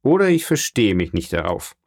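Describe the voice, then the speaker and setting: A man reading aloud and voicing a merry drunk with a slow, heavy tongue. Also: mid-range voice, big pitch swings, darkish tone, dry recording, clean studio sound. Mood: tipsy. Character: drunk man slurring merrily.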